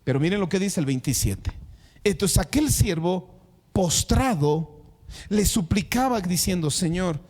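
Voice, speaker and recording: A man's voice: high voice, lively intonation, measured pace, a little mellow. A male pastor preaching a sermon who addresses the congregation directly and repeats words for emphasis.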